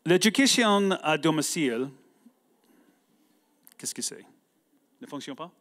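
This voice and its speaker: American man haltingly speaking accented French. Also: fairly high pitch, expressive, a bit bright. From United States. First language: English. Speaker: guest speaker. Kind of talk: prepared speech read aloud.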